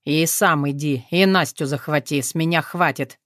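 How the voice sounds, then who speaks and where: Frightened young man, pleading shouts, voiced by a woman, dry audiobook read. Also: sits low, normal speed, dry recording. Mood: weary.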